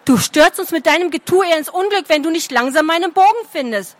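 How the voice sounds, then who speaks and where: A woman's voice: very high-pitched, expressive, fast, voice pushed up. A woman reading a storybook aloud, voicing an impatient, bossy young female archer who snaps at everyone. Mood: impatient, snapping. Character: sharp-tongued bossy young female archer of a magical folk.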